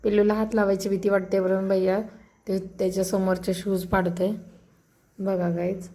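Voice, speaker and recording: A woman filming a casual home vlog, narrating gently to viewers and coaxing a small child in a tender, soothing way. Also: mid-range voice, little pitch movement, moderate pace. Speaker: family vlogger.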